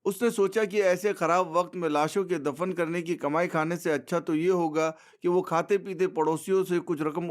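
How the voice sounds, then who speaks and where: A man narrates a literary short story in a measured, formal way. His voice sits high for a man, steady and unhurried.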